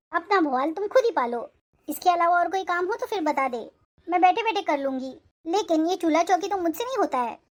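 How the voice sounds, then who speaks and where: A woman voicing a stern, proud middle-aged mother-in-law in a cartoon, with a scolding, sharp-tongued way of talking. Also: very high-pitched.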